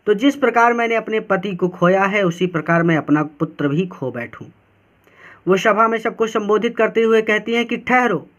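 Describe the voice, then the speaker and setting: Male Hindi teacher, high voice, patient line-by-line poem explainer who repeats and paraphrases; dull lo-fi recording. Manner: repeats and paraphrases each phrase, checks in with "theek hai".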